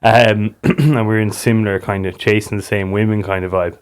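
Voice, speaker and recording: A man's voice: fairly low pitch, steady tone, moderate pace, clear, resonant tone. A young man with a west of Ireland accent chatting casually and telling anecdotes in loose, sweary slang, peppered with "like" and "you know". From Galway, Ireland. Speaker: podcast guest, business co-founder.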